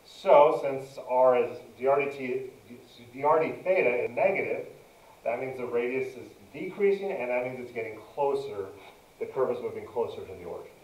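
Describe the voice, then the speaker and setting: A man's voice: mid-range voice, moderate pace, a little mellow. Distant-sounding man teaching math step by step. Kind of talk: step-by-step lesson narration, working through a problem. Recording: dull, roomy, distant mic.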